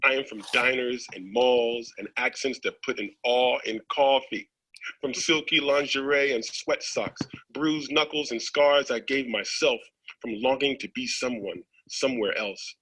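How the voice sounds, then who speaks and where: A man's voice: medium pitch, measured pace, bright, forceful tone, slightly rough, poor audio. A man on a radio show chatting with enthusiasm and jokes, then reading a community poem. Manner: enthusiastic, jokey. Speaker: radio poetry contributor.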